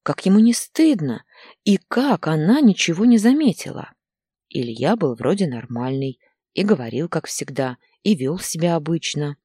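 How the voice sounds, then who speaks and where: A woman reads a story aloud with expressive, lively pitch. Her voice is low, dark and husky. The recording is close and dry. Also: moderate pace, no echo. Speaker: audiobook narrator. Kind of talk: scripted narration.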